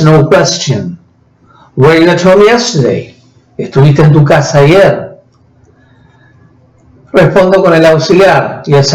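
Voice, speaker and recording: Male language teacher, native Spanish speaker, unhurried and patient, in an echoey room. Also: medium pitch, a little mellow. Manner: slow, patient explaining, switching between two languages. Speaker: English teacher. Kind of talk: spoken grammar lesson.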